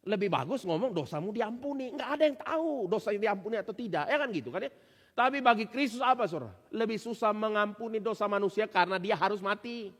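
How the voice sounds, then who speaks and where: A middle-aged man, a pastor, preaching a lively sermon, acting out quoted voices and often turning to his listeners. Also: high-pitched, fast. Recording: long hall reverb.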